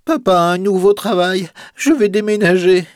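A man's voice: sits high, normal speed, no echo, clean studio sound, voice pushed up, natural voice. A man voicing a young boy in a children's storybook, earnest and pleading. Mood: sad. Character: young boy, sad then determined.

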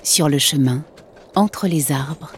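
A woman narrating a children's audiobook in a slow, expressive storytelling manner. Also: low voice, a little hiss or hum.

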